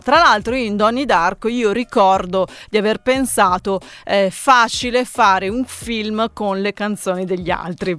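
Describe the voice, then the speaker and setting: A woman's voice: medium pitch, fairly bright tone, clean tone, no echo. A woman hosting a live late-night radio show from a studio, chatting frankly about songs and reading listener messages, with frequent hesitations and fillers. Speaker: radio host. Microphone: studio microphone.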